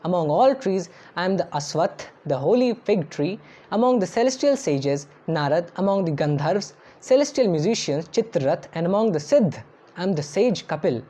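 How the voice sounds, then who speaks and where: एक महिला जो धार्मिक श्लोकों को गाकर पढ़ती है और फिर उनका अर्थ शांत, नपे-तुले ढंग से पढ़कर सुनाती है।. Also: female voice, lowish voice, lively intonation, drawn-out words, mellow. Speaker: scripture reciter and translator. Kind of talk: chanted verse recitation with read translation. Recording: dull lo-fi recording over faint instrumental music.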